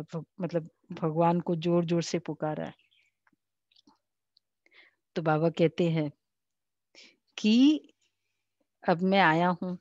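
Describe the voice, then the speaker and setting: An Indian woman giving a devotional class, slowly reading and explaining scripture, raising her voice when she quotes. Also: on the low side, darkish tone, no echo, dull audio. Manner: slow, explanatory, quotes the Father in a raised voice. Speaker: spiritual teacher.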